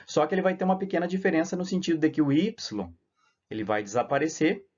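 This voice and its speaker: A man's voice: on the high side, lively intonation, fast, a little mellow. A man with a Brazilian Portuguese accent teaching an English grammar lesson over slides, explaining step by step and checking in with short tag questions. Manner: explains step by step, many "tá?" and "né?" tags. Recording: slightly dull lo-fi audio.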